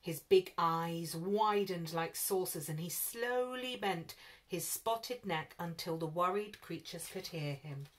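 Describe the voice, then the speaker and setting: Expressive woman reading a children's story. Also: on the low side, slow pace, slight background noise.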